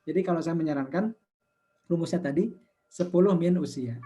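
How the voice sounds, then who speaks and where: Man in his fifties, fairly high voice, mellow tone, explains with numbers, quotes people in livelier voices. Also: a little fast. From Indonesia. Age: 50s. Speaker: investment community founder. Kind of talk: talk show conversation.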